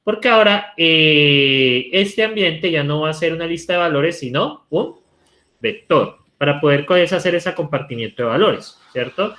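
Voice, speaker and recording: In a live online coding lecture, a man from Colombia speaks with an animated, bright and forceful voice, somewhat high and at a moderate pace. His Colombian Spanish explanation accompanies his typing, punctuated again and again by a rhetorical "¿cierto?"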